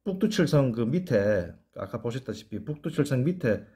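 A man's voice: medium pitch, very animated, dark tone. Man sounding out words, echoey room. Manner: slow, repeats words to sound them out. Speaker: channel host explaining words. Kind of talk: lecture over on-screen slides.

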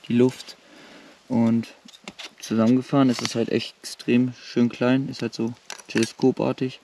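A man's voice: medium pitch, dark tone, slight background noise. A young man vlogging outdoors at night in the woods, exhausted and soaked, talking in a plain, tired way full of fillers into an action camera held close. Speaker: survival vlogger. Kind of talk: casual outdoor vlog commentary.

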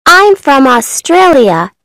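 A woman voicing a young schoolgirl on an English course listening recording, introducing herself in slow, careful phrases. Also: high-pitched, very animated, a bit bright, no echo, studio quality, heavily acted. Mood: bright. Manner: slow, carefully spoken replies.

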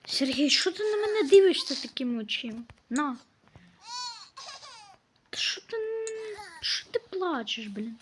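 A woman's voice: extremely high pitch, big pitch swings, slight background noise. A woman giving casual let's-play commentary, scolding and swearing at the game characters as she plays. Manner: slow, drawn-out delivery. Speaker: gameplay commentator.

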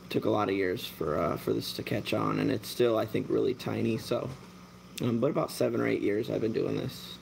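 Talking briskly while he works, this thirties mantis breeder and shop owner, German-born and American-raised, rambles through a night livestream Q&A in his dim indoor shop. His voice is gravelly and low-key, full of fillers, and the rough recording carries a faint hum of room noise.

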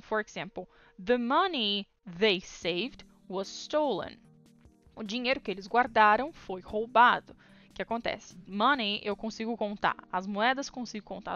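Young Portuguese-speaking woman, bright and a bit high, casual English teacher; lo-fi recording, faint music. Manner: explains in Portuguese, reads English examples slowly, often asks "ok?". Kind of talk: casual video lesson.

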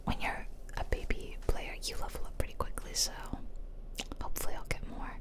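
In a drowsy, tired state, a female streamer plays a video game and whispers along, her ASMR commentary quiet, drawn out, and full of playfulness.

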